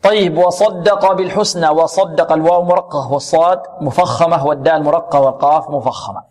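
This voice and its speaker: A man teaching tajweed to a class, slowly modelling each word, correcting mistakes and asking questions that he answers himself. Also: a little high, steady tone, darkish tone. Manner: repeats words slowly to model and correct pronunciation. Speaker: Quran recitation teacher. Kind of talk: tajweed lesson.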